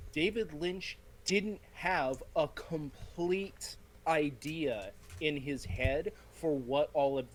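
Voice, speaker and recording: Animated man telling film anecdotes. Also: medium pitch, slight background noise, rough recording. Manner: animated storyteller who acts out quoted lines. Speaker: podcast panelist. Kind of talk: casual film discussion.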